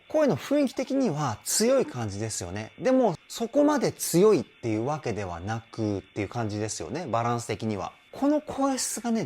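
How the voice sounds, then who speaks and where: A man's voice: a little high, a little mellow. A man working as a vocal coach, giving enthusiastic, explanatory reaction commentary on a song and praising the singers often.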